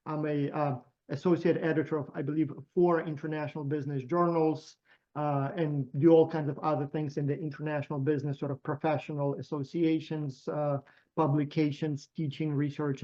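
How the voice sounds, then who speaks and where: A middle-aged man with a Ukrainian accent, a professor who founded a program, speaks loosely in a casual online meeting, full of fillers and restarts. His voice sits on the high side with a darkish tone. The video call audio is dull and lo-fi.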